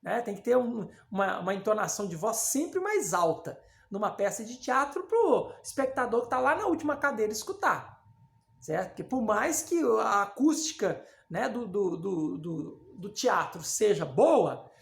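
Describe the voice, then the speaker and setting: A woman with a Brazilian accent teaches a literature class in a lively, rising-and-falling voice. She talks casually and keeps checking in with her students. The room around her is noticeably echoey. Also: mid-range voice, normal speed, gravelly. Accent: Brazilian Portuguese. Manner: lively and conversational, many fillers and check-ins with students. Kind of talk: recorded online class lecture.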